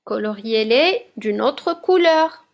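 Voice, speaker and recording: Slow, clearly spoken woman teacher. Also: a little high, lively intonation. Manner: slow, clearly articulated, encouraging. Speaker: primary school teacher. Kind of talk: slow, deliberate classroom dictation. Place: classroom recording for remote lesson.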